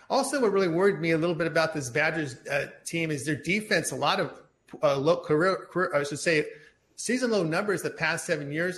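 Higher-pitched male betting analyst. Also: a bit bright. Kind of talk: sports betting commentary.

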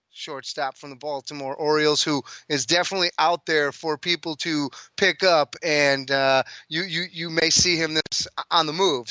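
A male sports talk radio host with a fairly high, smooth voice. He talks casually and emphatically, full of slang. The sound is dry and close, a little dull. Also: pushed and bright, no room sound.

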